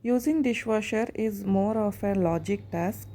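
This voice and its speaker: Soft, mellow South Indian woman vlogger. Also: medium pitch, unhurried, a little hiss or hum. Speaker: home vlogger. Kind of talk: casual vlog narration.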